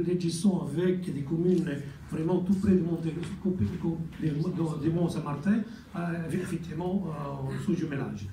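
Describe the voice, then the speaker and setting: A man with an Italian accent delivers a formal speech at a ceremony, pausing and repeating words as he goes. His voice is dark and slightly high, and it is heard from a distance in an echoey hall with faint noise behind it. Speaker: community representative giving a speech.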